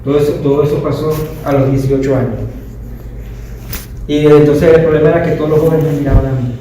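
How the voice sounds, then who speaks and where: A man's voice: a little high, steady tone, a little fast, warm tone, slight background noise. A man in his thirties giving a personal testimony to a class, telling it emphatically and often correcting himself mid-sentence. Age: 30s. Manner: emphatic, storytelling, self-correcting. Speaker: leadership class participant. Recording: very echoey room, distant mic.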